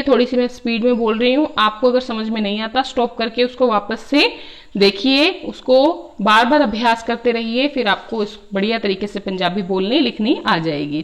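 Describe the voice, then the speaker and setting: A woman teaching a language lesson, reading word lists aloud letter by letter and explaining what each word means. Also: a little high.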